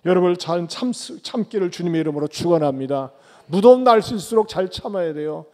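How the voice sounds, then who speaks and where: A man preaching a sermon as pastor, tossing rhetorical questions at the congregation and swinging between loud calls and soft low asides. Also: animated, a little fast. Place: church sanctuary. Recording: long church hall reverb.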